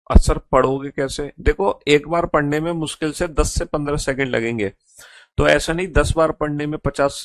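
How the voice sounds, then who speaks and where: A man's voice: a little high, no echo. A male English teacher giving an online class in Hindi, reassuring students and repeating his instructions in a coaxing way. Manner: coaxing, repetitive, calls students beta.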